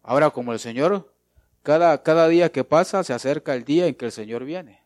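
Male preacher, fairly high voice, emphatic sermon delivery with repeated phrases, dry recording. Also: brisk, darkish tone, dry recording. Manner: emphatic, repeats phrases, addresses congregation as brother.

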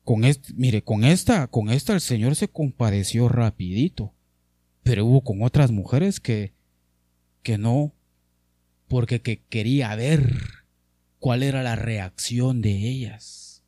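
Male preacher, mellow tone, dry close recording, sermon delivery with sweeping pitch. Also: takes it slowly, no room sound. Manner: addresses listeners as brother, lively swings in pitch.

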